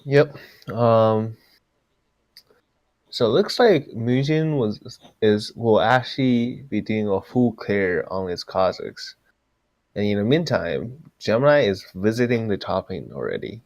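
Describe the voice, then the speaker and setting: A man's voice: lowish voice, takes it slowly, no room sound, highs cut off. A man co-casting a live esports match, calling the action with lots of "um" and "uh". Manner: lively, with frequent "um" and "uh". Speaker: esports co-caster.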